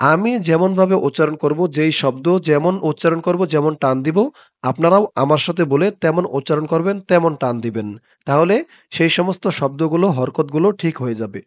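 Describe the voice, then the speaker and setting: High-voiced man teaching slow recitation. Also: no echo, clean studio sound. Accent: Bangladeshi Bengali. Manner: slow drawn-out chanting of Arabic words, brisk explanations. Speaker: religious teacher. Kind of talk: step-by-step recitation lesson.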